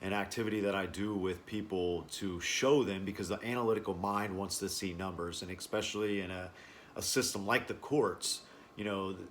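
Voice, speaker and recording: A man teaching a wellness class informally, explaining in short phrases with halting pauses. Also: low voice, steady tone, fairly bright tone, a little hiss or hum. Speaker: breathing and stress-relief class instructor.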